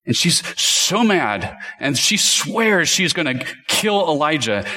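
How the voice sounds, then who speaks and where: A man's voice: a little high, big pitch swings, takes it slowly, pushed and bright. A man preaching a sermon, reading scripture aloud and building to rhetorical questions with emphatic delivery.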